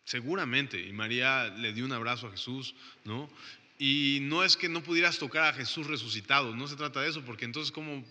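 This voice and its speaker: A man's voice: medium pitch, brisk, bright, forceful tone, big-room sound. A man giving a casual Bible study, talking in a conversational way and acting out the people in the story. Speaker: Bible teacher.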